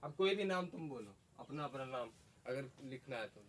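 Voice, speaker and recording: In a classroom lesson, a man speaks animatedly at normal speed in a medium-pitched voice. He quizzes the students and repeats their answers, with faint background noise present.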